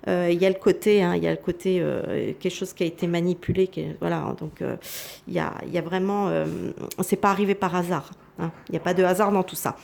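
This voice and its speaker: Woman tarot reader, gravelly voice, hesitant and full of fillers, confiding and speculative with viewers. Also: on the low side, fairly even intonation, quick pace, a little mellow. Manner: hesitant, many fillers and restarts. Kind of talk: casual tarot reading monologue.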